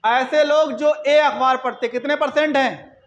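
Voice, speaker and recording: A man teaching an exam-prep math lesson, repeating each point and checking in with quick questions to his listeners. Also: very high voice, steady tone, lo-fi sound.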